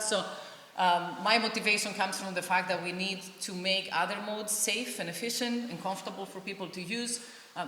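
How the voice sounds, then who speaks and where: A woman's voice: fairly low pitch, bright, forceful tone. A middle-aged woman from Greece giving a friendly conference talk as an engineering professor, with frequent ums. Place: event hall. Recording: echoey hall with faint hiss.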